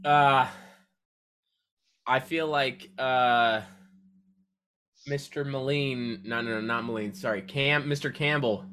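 A man's voice: medium pitch, steady tone, slow pace, pauses often, fairly bright tone, clear, resonant tone. A young man co-hosting a podcast in a laid-back, casual way, reacting to stories and teasing his friend. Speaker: podcast co-host. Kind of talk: casual chat.

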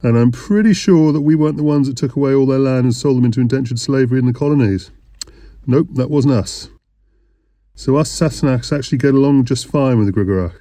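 A man's voice: medium pitch, fast talker, mellow, no echo, pitched above the performer's own voice, close to an everyday voice. A man voicing a jovial, portly, middle-aged English innkeeper with a broad Lancashire accent and a teasing, conspiratorial manner.

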